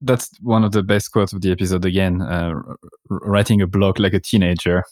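A man's voice: sits low, steady tone, brisk, darkish tone, no room sound, clean studio sound. A man hosting a podcast, asking casual, probing questions of his guest. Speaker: podcast host. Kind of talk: interview questions.

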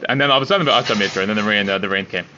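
A man's voice: on the low side, racing, sharp tone, slight background noise. A man teaching a Talmud class in a casual way, translating line by line with many fillers. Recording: dull lo-fi recording.

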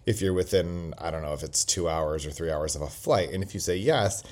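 A man's voice: deep voice, brisk, a little mellow. A man hosting a podcast in casual chat, rambling and joking, recorded on a laptop's built-in microphone. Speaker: podcast host. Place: quiet indoor place while traveling.

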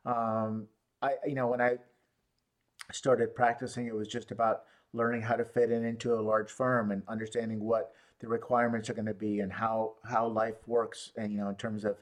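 A man's voice: lowish voice, flat delivery. A man who runs a law firm, telling stories in an interview, with lots of restarts and fillers. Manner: halting, many restarts and fillers. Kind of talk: conversational storytelling. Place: San Luis Obispo area.

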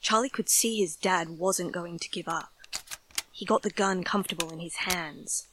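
A woman's voice: lowish voice, normal speed, fairly bright tone, a little hiss or hum, rough recording. A woman narrating a scripted horror story in a dramatic storytelling style.

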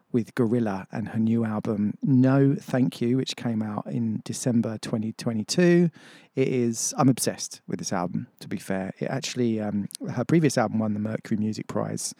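A man's voice: medium pitch, darkish tone, no room sound, clean studio sound. A man hosting a morning radio music show, chatting casually between songs with fillers and light self-deprecation. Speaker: radio DJ host.

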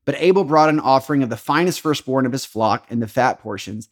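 A man at an easy middle pitch talks through scripture like he's chatting with friends. He drops casual slang, laughs a lot, and throws himself into the voices of the people he quotes. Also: brisk. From Texas. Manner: laid-back slangy talk, laughs often, acts out quoted lines. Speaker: podcast host. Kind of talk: casual devotional Bible talk.

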